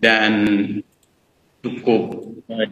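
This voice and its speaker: A man's voice: lowish voice, completely flat delivery, drawn-out words, pushed and bright, reverberant, highs cut off. A male university lecturer calling in from campus as a radio guest, his voice choppy and breaking up, speaking hesitantly with many fillers. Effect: choppy, breaking-up call audio. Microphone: remote phone or online call from campus.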